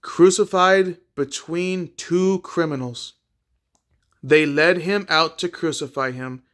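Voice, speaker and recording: A man reading a Bible chapter aloud in a plain, unhurried way, with a few small slips and repeated words. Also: fairly high pitch, a bit bright. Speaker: scripture reader.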